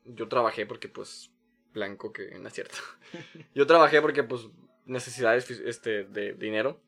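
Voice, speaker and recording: A man's voice: medium pitch, moderate pace, a bit bright. A young man with a Mexican accent co-hosting a casual chat, ranting heatedly and swearing a lot. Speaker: podcast co-host.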